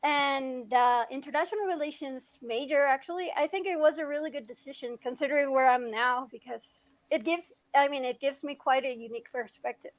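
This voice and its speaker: A woman's voice: sits high, fairly quick, hardly any pauses, rough recording. A woman in her late twenties, a guest filmmaker, chatting casually in a podcast interview, laughing often and restarting her sentences. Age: 20s.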